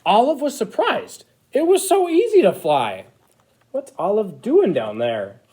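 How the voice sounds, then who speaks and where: A man playing an eager, childlike Christmas elf who reads a picture book to children in an expressive, exaggerated way. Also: sits high, unhurried, slightly rough, heavily acted. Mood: eager storytelling. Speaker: storyteller reading to children. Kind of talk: animated picture-book read-aloud.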